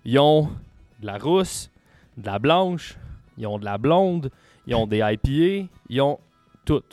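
Male podcast contributor, Quebec French accent, mid-pitched, informal, repeats himself, dry sound over music. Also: lively intonation, takes it slowly, a little mellow, no echo. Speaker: podcast contributor presenting picks. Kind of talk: casual podcast chat.

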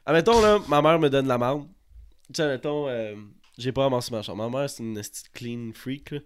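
A man's voice: medium pitch, fairly quick, slight background noise. A young man with a Québécois accent, co-hosting a casual podcast and telling stories with lots of slang and swearing. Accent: Québécois French. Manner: laughing storyteller, heavy slang swearing. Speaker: podcast co-host. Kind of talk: casual chat among friends.

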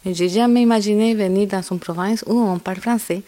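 A woman's voice: mid-range voice, a little fast, dark tone. A woman from Colombia with a marked Latin American Spanish accent, a native Spanish speaker answering interview questions earnestly, with frequent hesitations.

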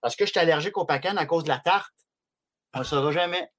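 A man in his late twenties with a Québécois French accent and a fairly high voice. He talks in quick, animated bursts, stumbling over restarts as he tells his stories. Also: a little hiss or hum. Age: late 20s. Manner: rapid, animated storytelling with frequent restarts. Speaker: podcast guest. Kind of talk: casual chat.

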